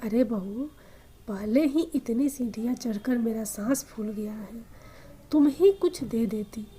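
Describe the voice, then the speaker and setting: A woman voicing a gentle, trusting elderly mother who speaks softly and pleads. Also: on the high side, a little slow, breathy edge.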